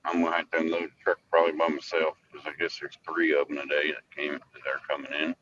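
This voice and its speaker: A man's voice: very deep voice, flat delivery, fast, highs cut off, background noise. A middle-aged man with a folksy hillbilly drawl, chatting casually as he drives. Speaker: vlogger, warehouse worker. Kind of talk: casual rambling chat while driving. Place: inside a vehicle while driving.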